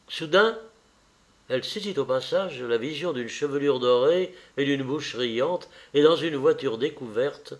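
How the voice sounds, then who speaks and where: A man reading a classic novel aloud as an audiobook narrator, measured and deliberate. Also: mid-range voice. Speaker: audiobook reader. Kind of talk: slow literary narration.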